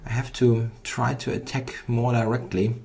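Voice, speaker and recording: A man giving live think-aloud chess commentary on his own blitz game, halting and muttering to himself as he thinks. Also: medium pitch, flat delivery, creaky, a little mellow, a little hiss or hum.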